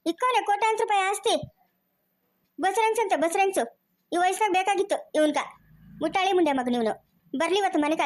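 A woman playing a quarrelsome, jealous village housewife who rants and curses nonstop in a comedy skit, with a rural Chikkaballapur Kannada accent. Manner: shrill, rapid, nonstop ranting and cursing. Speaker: actor in a family comedy skit.

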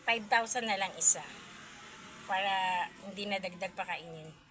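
A woman's voice: mid-range voice, normal speed, bright, forceful tone. A woman vlogging casually at home about her cats, chatty and cooing baby talk at the kittens.

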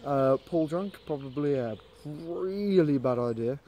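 A man's voice: a little high, expressive, a little slow, warm tone. A young man from Britain talking casually in a rambling travel vlog, filmed on a phone at arm's length outdoors at a campsite. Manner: chatty, rambling with many ums. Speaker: vlogger.

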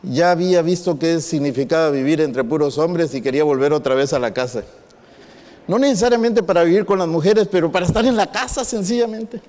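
A man, a pastor preaching a sermon and telling an animated personal story. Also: high-pitched. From northwestern Mexico. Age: 50s. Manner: animated storyteller acting out quotes. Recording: long reverb in a hall.

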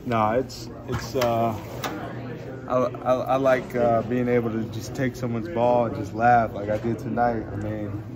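A medium-pitched young man who plays college basketball speaks a little slowly while reporters gather around him in an arena hallway after the game. His relaxed, rambling replies are dotted with fillers and restarts, over crowd noise in the hallway.

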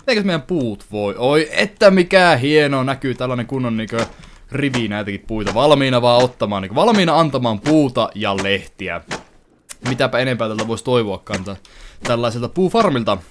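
A young man hosting a casual let's-play, chatting to viewers as he plays and breaking into excited outbursts. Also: mid-range voice, slight background noise. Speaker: gaming channel host.

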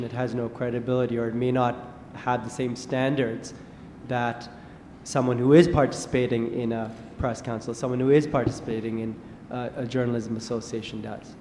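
A man's voice: mid-range voice, little pitch movement, fairly quick, mellow, roomy sound, big-room sound, slight background noise. Long-winded man asking from the floor. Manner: long-winded, repeating himself. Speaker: audience member asking a question. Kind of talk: audience question at a panel. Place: large lecture hall.

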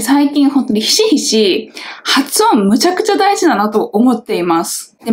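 Lively high-voiced woman teacher chatting. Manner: animated, chatty, acts out small quoted reactions. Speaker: English school owner and teacher. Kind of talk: casual talk to camera on learning.

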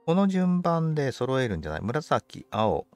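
A man's voice: mid-range voice, big pitch swings, moderate pace, no echo, soft background music. A man commentating on a game for a livestream, politely musing aloud to himself in casual chat. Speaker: game streamer.

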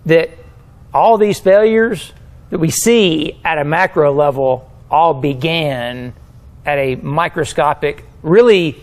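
A man hosting a technical discussion, talking with enthusiasm and cutting in with quick agreement. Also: on the high side.

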